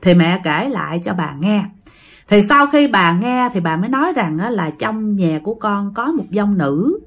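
Woman, Southern Vietnamese accent, ghost story narration, animated intonation, talks to listeners. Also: mid-range voice, moderate pace. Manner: addresses listeners, retells in lively quoted speech.

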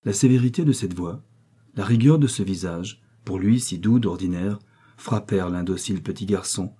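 A man reading a classic novel aloud in a measured narrating voice. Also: sits low, warm tone, husky. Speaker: audiobook reader. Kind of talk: literary audiobook narration.

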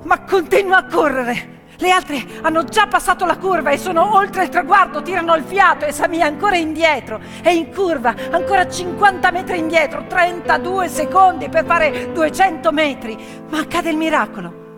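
In a very high voice at a moderate pace, a woman performs a dramatic theatrical monologue as a stage storyteller, intense and emphatic in short, suspenseful phrases. Piano accompaniment plays underneath, with long hall reverb.

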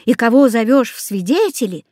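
Strict scolding father, read by a woman, storybook voice, raised and bright pitch, dry close sound. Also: very animated, normal speed, no room sound. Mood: stern. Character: stern strict father, grown man.

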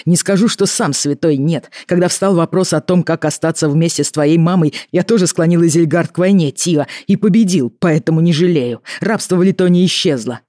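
An audiobook reader voicing a stern, worried middle-aged father who speaks gravely and wearily. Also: medium pitch, dark tone, dry recording, studio quality, pitched above the performer's own voice, close to an everyday voice. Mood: grave, weary. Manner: grave, measured, weary. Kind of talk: audiobook character reading.

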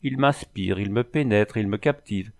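A man's voice: lowish voice, normal speed, gravelly, darkish tone. A man voicing an old sorceress who speaks in solemn, cryptic riddles. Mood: oracular. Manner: solemn, oracular speech in riddles.

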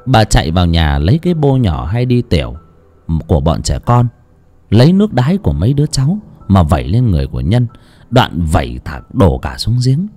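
Expressive man narrating. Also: low-pitched, a little fast. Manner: dramatic, expressive. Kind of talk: audiobook horror story narration. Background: faint music.

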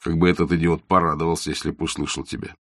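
A man's voice: rumbling low, level tone, fast talker, a bit bright, no room sound, clean studio sound. A man voicing a scornful young nihilist who talks in curt, sarcastic jabs. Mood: mocking.

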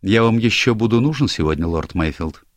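A man's voice: lowish voice, lively intonation, a little fast, dry recording, pitched above the performer's own voice, lightly acted. A man voicing a young, anxious male secretary who stammers and is eager to please, in an audiobook. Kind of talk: audiobook character voice.

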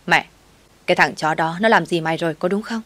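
Woman reading as a blunt, rough-talking best friend. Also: on the low side, a little fast, a bit bright. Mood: worried. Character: brash loyal young woman friend.

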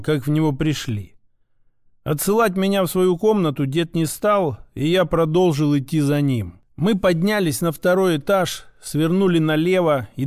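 Male first-person audiobook narrator, high voice, dry close recording, steady. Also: no echo.

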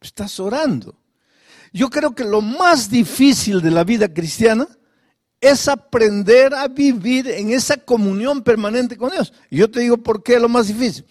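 A male pastor preaching a sermon, firing off repeated rhetorical questions and at times dropping to a soft, confiding tone. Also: extremely high pitch, expressive, moderate pace, no room sound, studio quality.

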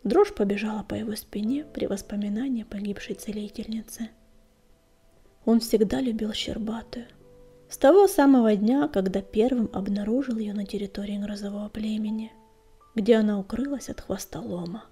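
A woman narrating a storybook in a whispery, breathy voice. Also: mid-range voice, fairly even intonation, normal speed, warm tone, faint music behind. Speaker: audiobook narrator.

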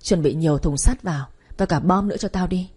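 A woman's voice: fairly low pitch, fairly quick, a little mellow, breathy edge. A woman voicing a spiteful, jealous young woman who speaks with open contempt. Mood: sneering. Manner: sneering, contemptuous.

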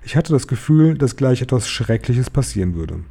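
A man calmly reading a children's novel aloud as first-person narrator. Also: medium pitch, moderate pace, gravelly, breathy edge. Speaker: reader.

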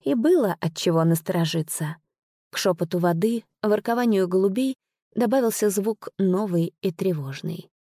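A woman narrating a story in a measured, unhurried storytelling manner. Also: medium pitch, lively intonation, warm tone, no echo, clean studio sound. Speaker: audiobook narrator. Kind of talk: scripted narration.

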